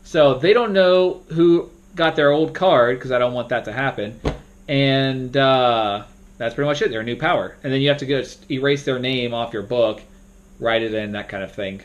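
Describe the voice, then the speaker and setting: A young man casually walking through how to moderate a party game, rambling and now and then bursting into loud acted-out announcements. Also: medium pitch, normal speed, dull audio. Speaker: game moderator teaching a tutorial. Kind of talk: casual instructional talk.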